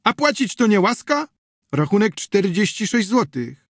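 A man voicing a hostile tavern keeper who shouts and grumbles. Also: high-pitched, very animated, a little slow, dry recording, studio quality, pitched above the performer's own voice, heavily acted. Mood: surly. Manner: shouting, surly. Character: hostile bar owner, shouting and grudging.

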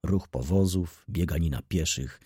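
A man narrating a classic novel in an expressive, lively storytelling manner. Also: low voice, measured pace, slightly rough, no echo, clean studio sound. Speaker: audiobook reader.

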